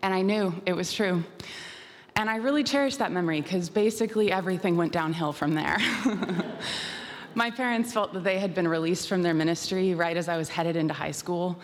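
Young woman, slightly low voice, sharing a personal testimony, wry and earnest, long hall reverb with faint noise. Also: normal speed. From Canada. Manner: earnest, lightly humorous storytelling. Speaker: missionary speaker.

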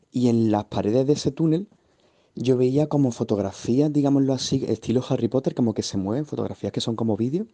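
A man's voice: medium pitch, warm tone. A man from Seville, telling a personal story in a vivid, meandering way with asides. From Seville, Spain. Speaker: guest.

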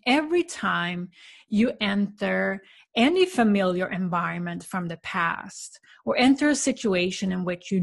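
A woman from Sweden, hosting a self-help podcast in a calm, earnest, coaching way. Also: mid-range voice, vocal fry. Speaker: podcast host.

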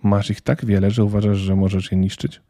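A man's voice: on the low side, level tone, fairly quick, mellow, no room sound, studio quality. A man voicing a small, fussy male Christmas elf who talks in a flustered, indignant, stern way.

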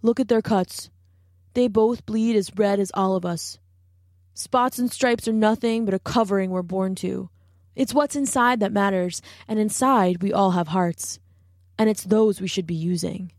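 A woman voicing a kind young male warthog in a storybook, earnest and gentle. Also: medium pitch, measured pace, no echo, clean studio sound, lightly acted.

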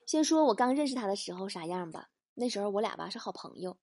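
A young woman hosting a comedy show, telling funny stories in a lively, teasing way and laughing at her own jokes. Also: medium pitch, fast. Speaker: comedy talk show host. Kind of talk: comic storytelling monologue.

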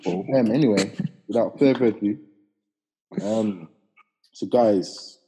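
A husky, mellow young man hosts a casual podcast in a British urban roadman accent. His voice sits fairly low and his talk is slangy and bantering. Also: slow, poor audio. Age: young adult. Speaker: podcast host. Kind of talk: casual group podcast chat.

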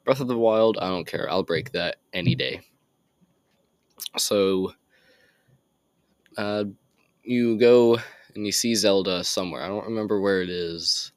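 A man's voice: lowish voice, measured pace, pauses often, clean tone, no echo, studio quality. Teenage boy rambling through a game recap. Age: teens. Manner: rambling, easily sidetracked, apologetic asides.

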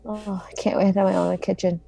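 A young woman co-hosting a podcast, chatting casually and complaining in a relaxed, wry way. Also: mid-range voice, fairly quick, gravelly. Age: young adult. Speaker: podcast co-host. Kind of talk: casual chat.

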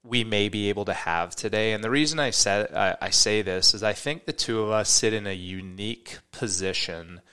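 A man with a lowish, clear, resonant voice and a sharp tone hosts a podcast at a moderate pace with few pauses. He opens the episode enthusiastically, then asks interview questions in an upbeat, slightly rambling way.

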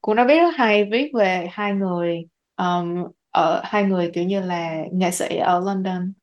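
A woman's voice: fairly low pitch, a little slow, a little mellow, lo-fi sound. A woman co-hosting a casual book podcast, talking in a chatty way with many fillers and English words mixed in. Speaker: podcast co-host. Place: lives in the US.

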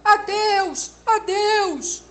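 A woman voicing a bouncy young male rabbit in a storybook, loud, eager and hurried. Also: extremely high pitch, pitched above the performer's own voice, exaggerated voice. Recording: music playing underneath.

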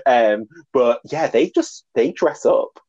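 Male co-host, husky and gushy, dry close sound, muffled recording. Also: mid-range voice, animated, slow, darkish tone, dry recording. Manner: chatty and gushing, with frequent laughs and fillers. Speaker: podcast co-host. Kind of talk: casual chat about reality TV.

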